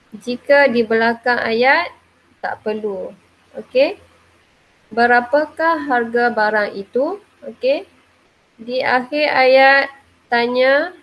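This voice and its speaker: Woman teacher, fairly high voice, slow explaining delivery, faint noise in the background. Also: rough recording. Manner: says "okey" often, slow and explaining. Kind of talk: classroom grammar lesson.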